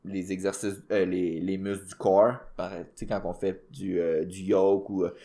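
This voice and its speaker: A man's voice: deep voice, level tone, moderate pace, dark tone. A man with a Québécois accent co-hosting a fitness podcast, explaining training casually with many fillers and English gym terms. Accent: Québécois French. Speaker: podcast co-host, powerlifting coach.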